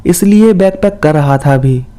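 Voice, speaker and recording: Easygoing young office man, voiced by the narrator; amused, curious, mellow tone. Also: a little high, lively intonation, normal speed, close to an everyday voice. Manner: casual, smiling, questioning. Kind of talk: storybook dialogue reading.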